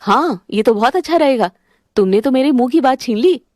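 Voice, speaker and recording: A woman voicing a brisk, friendly working woman customer in a cartoon story. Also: high voice, animated, darkish tone, dry recording, clean studio sound.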